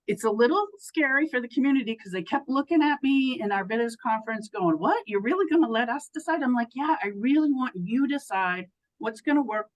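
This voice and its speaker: A woman speaking at a middle pitch over a video call, presenting her state program. She talks casually and with enthusiasm, with fillers along the way. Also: rough recording. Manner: enthusiastic, conversational, with many fillers.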